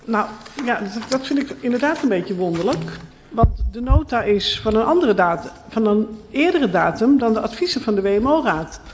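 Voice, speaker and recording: A woman's voice: fairly high pitch, expressive, moderate pace. A woman on the council politely pushes back at the alderman and spells out her point, with faint noise in the room. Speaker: council member. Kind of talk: formal council interjection. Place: council chamber.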